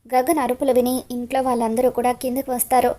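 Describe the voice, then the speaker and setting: A woman's voice: high voice, little pitch movement, fast talker, warm tone. A woman narrating a dramatic recap of a TV serial, stringing scenes together with repeated linking phrases.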